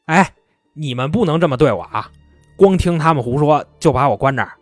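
A man putting on a shrill whiny village rogue. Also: lively intonation, brisk, dry recording, faint music behind. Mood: indignant. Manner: shrill wailing, playing the victim.

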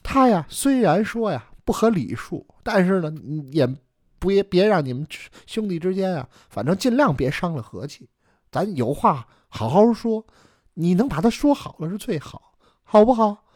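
A male storyteller voicing a gentle but insistent young wife who coaxes her husband in a raised, sing-song voice. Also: big pitch swings, normal speed, no room sound, studio quality. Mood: coaxing. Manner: coaxing, high and sing-song.

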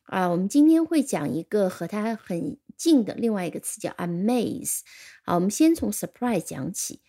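A woman teaching an English vocabulary lesson, explaining patiently and spelling words out slowly. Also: mid-range voice, very animated, warm tone.

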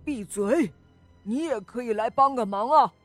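A woman voicing a loud, bossy male lion who barks orders in a children's story. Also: on the high side, animated, a little slow, no room sound, faint music behind. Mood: grumbling. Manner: commanding, shouting orders. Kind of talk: storybook reading.

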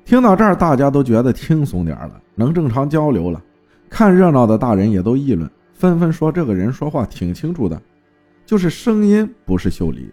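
A man narrating a folk ghost story in a lively, vivid storytelling manner. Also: medium pitch, brisk, faint music behind.

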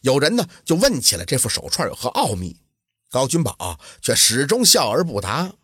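A man telling a folk tale in a lively, colloquial storytelling manner. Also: mid-range voice, moderate pace, husky, no room sound, studio quality.

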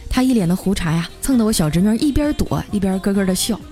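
A woman hosting a comic storytelling show in a chatty, lively manner. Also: mid-range voice, soft background music. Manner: lively, chatty, drawn-out particles. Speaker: radio story host.

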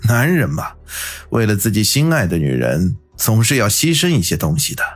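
A man voicing a cold, scheming middle-aged gang boss with a husky voice. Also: on the low side, very animated, moderate pace, soft background music. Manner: cold, menacing.

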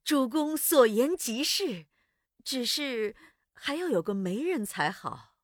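A man voicing polite, fussy female court officials with a high, formal manner. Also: lively intonation, slow, no echo, clean studio sound, heavily acted. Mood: courteous.

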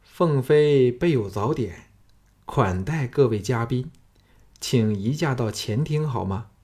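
A man voicing a gracious young woman hostess, speaking slowly with his voice lifted a little, still somewhat husky. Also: mid-range voice, lively intonation, darkish tone.

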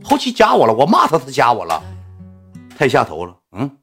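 A man's voice: mid-range voice, huge pitch swings, fairly quick, fairly bright tone, soft background music. A young man with a Northeastern Mandarin accent, casually telling a story to his fans, rambling and repeating himself with many restarts. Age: young adult. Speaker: livestream host.

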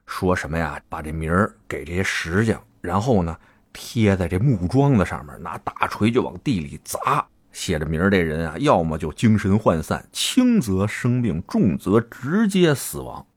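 A man, hosting a podcast and telling a story in a casual, animated, colloquial way. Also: low-pitched, normal speed, breathy edge. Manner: animated, colloquial, acts out characters' lines. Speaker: podcast host.

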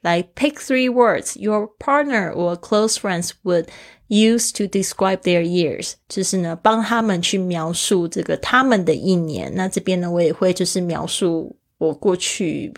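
A woman hosts a vocabulary lesson, walking through each word patiently and spelling it out letter by letter. Her voice sits a little low for a woman. She keeps a steady explaining tone throughout. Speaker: English teacher and podcast host.

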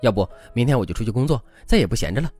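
A man's voice: medium pitch, animated, a little mellow, natural voice. A man voicing a fed-up young housewife who fires off indignant questions, over faint music. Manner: indignant, rapid-fire questioning.

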